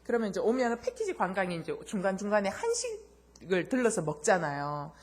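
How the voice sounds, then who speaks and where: A woman's voice: mid-range voice, very animated, fairly quick, a little mellow, husky. A woman pastor preaching a sermon, speaking straight to the congregation with rhetorical questions and acting out the voices in her anecdotes.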